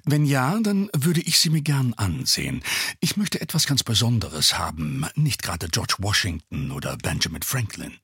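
A man voicing a cold, sinister gentleman with a cane in an audiobook reading, talking in an icy, clipped, commanding way. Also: on the low side, sing-song, normal speed, husky, dry recording, studio quality, heavily acted.

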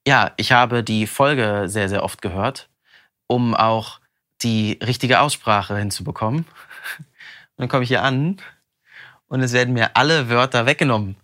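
Bright, chatty young-sounding man. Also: medium pitch. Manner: animated and chatty, quick bursts, frequent laughs. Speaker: voice actor interviewed about his audiobook. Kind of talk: casual interview answers.

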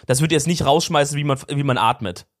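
A man's voice: a little high, brisk, no echo. Slangy young man, dry close sound. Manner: slangy, rambling explanations. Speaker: podcast co-host. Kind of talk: casual chat.

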